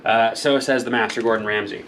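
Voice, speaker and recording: A man hosting a cooking demonstration, rambling through crude deadpan jokes and slurring a little from drinking. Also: on the low side, brisk, a little hiss or hum. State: a little tipsy, slurring slightly. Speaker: cooking show host.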